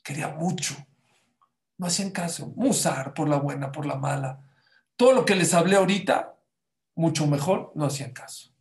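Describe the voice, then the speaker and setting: A man, a religious teacher who tells children stories and teaches them in an animated way, repeating words and asking them questions. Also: a little high, moderate pace. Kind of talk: lesson and storytelling for children.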